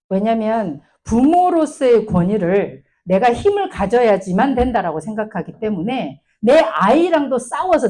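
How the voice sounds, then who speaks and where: A woman's voice: medium pitch, low-quality recording. A woman lecturing a teachers' seminar, acting out what to say to children, with in her speech. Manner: animated, acts out what to say to children. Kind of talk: lecture with acted examples.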